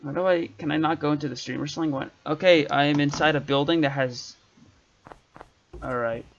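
A man's voice: on the high side, fairly even intonation, fairly quick, slight background noise. A man streaming a survival game and chatting casually, often trailing off mid-sentence. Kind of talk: casual gameplay chat. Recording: dull lo-fi stream audio.

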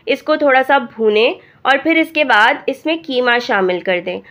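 Hoarse woman explaining a recipe. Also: high-pitched, normal speed. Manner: calm step-by-step instructing. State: hoarse from a cold. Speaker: cooking channel host. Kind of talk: recipe voice-over narration. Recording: dull lo-fi voice-over.

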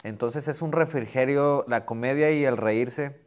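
A male host, asking questions in an earnest, measured way. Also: mid-range voice. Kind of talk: interview talk.

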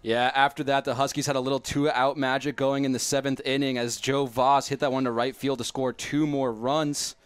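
A man's voice: mid-range voice, level tone, normal speed, hardly any pauses, clean tone, no echo. Young man hosting a sports show. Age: young adult. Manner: upbeat, polished broadcaster delivery. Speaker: postgame show host. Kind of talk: sports postgame recap. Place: stadium broadcast booth. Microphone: headset mic.

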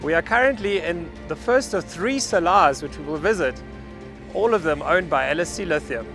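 A man in his thirties walks viewers through a mining project while standing outdoors on a salt flat. His voice sits a little high and his delivery stays measured and matter-of-fact. He is close-miked with a lapel mic, and music runs clearly underneath him. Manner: measured, factual briefing. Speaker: mining company representative. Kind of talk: on-site project presentation to camera. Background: background music.

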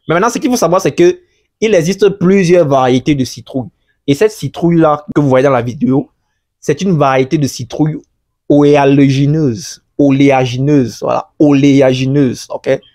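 A man's voice: a little high, brisk, a little mellow. A man hosting a farming channel, explaining a video to his viewers in a chatty way, speaking French as a second language. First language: not French. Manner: chatty, addresses viewers as friends. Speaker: agriculture channel host.

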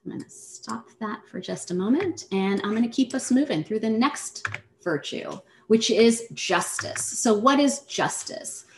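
A woman's voice: a little high, lively intonation, a little hiss or hum. Woman presenting a workshop, roomy sound. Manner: measured, explanatory, addresses the audience directly. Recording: roomy echo.

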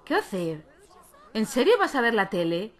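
A woman's voice: fairly high pitch, very animated, moderate pace. Chatty woman commenting a game. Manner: chatty, exclaiming and scolding the game. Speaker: gaming YouTuber.

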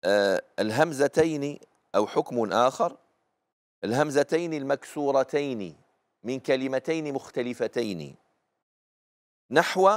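A man's voice: mid-range voice, expressive, normal speed. A middle-aged man with an Algerian accent, hosting a live TV lesson on recitation rules and explaining them patiently, often repeating the key points. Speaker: Quran recitation teacher and host.

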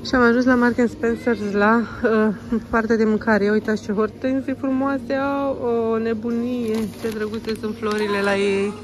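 A Romanian woman in her thirties vlogging casually while walking through a shopping mall, chatting to the camera and gently coaxing her small child, slipping into English phrases. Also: on the high side, steady tone, few pauses, noisy background. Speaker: vlogger and mother.

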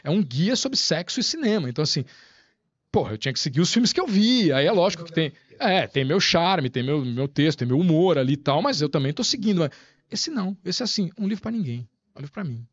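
A man's voice: fairly high pitch, fast, slightly rough, lo-fi sound. A man guest on a podcast, chatting casually and telling stories with lots of slang and acted-out quotes. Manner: animated storyteller, slangy, acts out quotes. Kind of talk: casual chat.

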